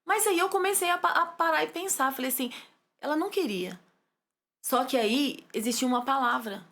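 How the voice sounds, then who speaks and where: A Brazilian woman, a psychologist and pastor, telling her life story in an interview with fervent, animated energy. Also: high voice, normal speed. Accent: Brazilian Portuguese. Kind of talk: testimony interview.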